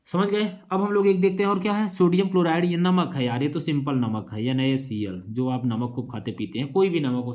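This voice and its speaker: A man's voice: medium pitch, darkish tone. A young man teaching an exam revision lesson, who asks questions and then answers them himself, with casual asides and memory tricks.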